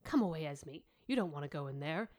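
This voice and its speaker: A woman reading aloud as an earthy, indignant old witch, pitching her voice up for the part. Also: animated, a little fast, darkish tone.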